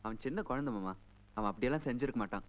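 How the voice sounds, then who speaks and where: A man's voice: medium pitch, expressive, very fast, lo-fi sound, natural voice. A young man playing a naive college-going nephew in a film comedy, earnest and credulous. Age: young adult.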